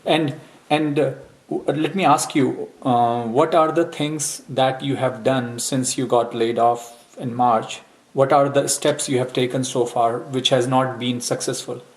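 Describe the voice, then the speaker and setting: A man hosting a career-advice interview, asking brisk questions and checking facts. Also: mid-range voice, steady tone, low-quality recording. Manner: brisk questioning with quick acknowledgments. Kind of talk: interview over a call.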